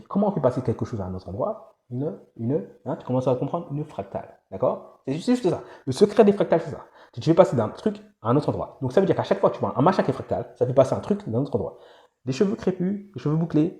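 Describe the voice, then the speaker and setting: A man's voice: mid-range voice, dark tone, reverberant. A man giving a casual, rambling monologue to the viewer for an online course, often repeating himself and restarting phrases.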